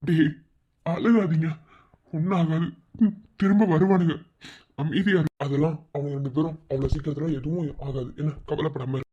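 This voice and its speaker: A woman voicing a calm older male relative who firmly settles the family, with a Madurai Tamil accent. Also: low voice, moderate pace, slight background noise, voice pushed down, lightly acted. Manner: firm, calming. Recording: dull lo-fi sound.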